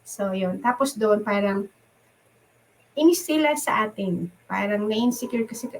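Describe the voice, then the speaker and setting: A middle-aged woman from the Philippines, a nurse, chatting casually as an interview guest, animated and laughing often as she acts out the voices of people she quotes. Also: medium pitch, a little slow, rough recording. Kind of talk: casual storytelling chat.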